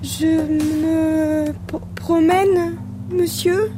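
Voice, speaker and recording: A small brown lamb in a storybook tale stammers and quavers in a very high, thin voice, voiced by a woman narrator. He stays polite even when afraid, and his slow, careful words climb far above the reading voice around him. Soft music plays faintly underneath. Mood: frightened.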